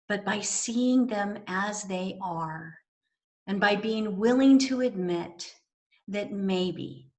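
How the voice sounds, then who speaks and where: A woman minister giving a sermon in a measured, gently wry way. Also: medium pitch.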